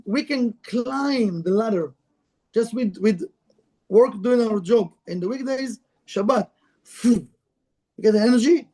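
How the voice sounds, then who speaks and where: High-voiced man teaching in broken English. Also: measured pace, warm tone. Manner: conversational, broken English, asks the room questions. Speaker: Kabbalah teacher. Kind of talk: informal spiritual lecture to a live group.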